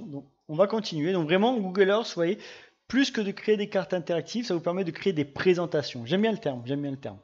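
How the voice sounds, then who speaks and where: A man's voice: fairly high pitch, a little mellow, dull audio. Chatty man walking through clicks. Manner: chatty, talks through each click with "tac" and "hop". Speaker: GIS tutorial presenter. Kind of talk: casual screen-recorded software tutorial.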